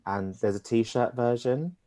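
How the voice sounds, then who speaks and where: A man co-hosting a podcast, chatting casually, giggly and animated, laughing often. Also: mid-range voice, unhurried. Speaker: podcast co-host. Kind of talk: casual chat.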